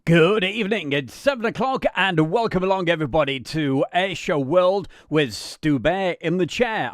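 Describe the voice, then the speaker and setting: A man's voice: on the high side, no room sound, clean studio sound. A man hosting a live show in a chatty, informal presenting style.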